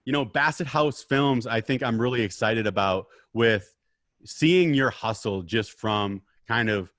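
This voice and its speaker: A man hosts a laid-back interview, asking friendly and meandering questions. His voice sits at a plain middle pitch for a man. The sound is dry and close to the mic. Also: a little slow, a bit bright, no room sound. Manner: friendly, chatty, long rambling questions. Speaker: podcast host, interviewer. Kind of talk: casual interview chat.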